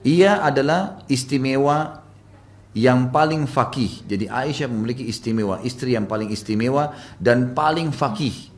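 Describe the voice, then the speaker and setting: A man preaching to a congregation, retelling a story dramatically and jumping high in pitch when he quotes the people in it. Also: normal speed. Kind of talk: storytelling sermon.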